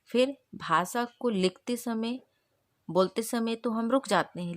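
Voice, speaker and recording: A woman's voice: mid-range voice, dry recording. Dry-voiced woman teaching grammar. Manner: asks questions and answers them herself. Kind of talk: grammar revision lesson.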